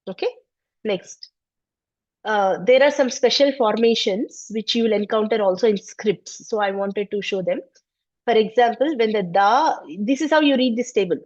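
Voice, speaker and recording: A woman's voice: medium pitch, a little mellow. A woman teaching a Sanskrit class online, explaining patiently and step by step. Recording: slightly dull lo-fi audio.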